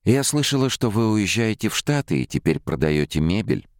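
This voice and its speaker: A man's voice: lowish voice, very animated, normal speed, no room sound, clean studio sound, pitched above the performer's own voice. A man voicing a pushy, brash woman neighbor who haggles, in an audiobook. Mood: haggling. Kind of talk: audiobook character voice.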